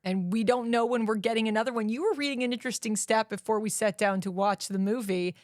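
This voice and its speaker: Woman podcast cohost, highish voice, laughs a lot, super animated, dry close mic. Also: fast talker, no room sound. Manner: giggly and animated. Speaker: podcast co-host. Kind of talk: casual chat.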